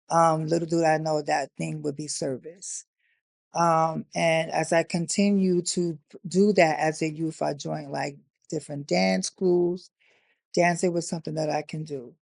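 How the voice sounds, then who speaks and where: A woman from Newark, New Jersey tells her story with a gravelly, fry-tinged voice. She pauses and fills gaps as she thinks. The recording is dry and close. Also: low voice, a little mellow, dry recording. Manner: reflective, halting, with frequent fillers. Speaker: interview guest. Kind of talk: candid personal storytelling.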